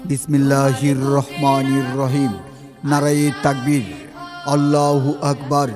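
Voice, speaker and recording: A man making an event announcement in a loudspeaker style, reciting the details in a chanted, sing-song way. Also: mid-range voice, monotone, measured pace. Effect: loudspeaker-style announcement with long reverb. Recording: long hall reverb over faint music.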